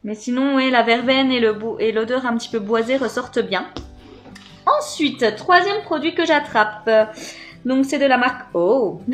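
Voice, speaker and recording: A woman talks casually through a beauty box unboxing, full of little hesitations. Her voice sits a touch high, and soft music plays faintly underneath. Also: normal speed. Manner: chatty, hesitant, many fillers. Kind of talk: casual unboxing chat to camera.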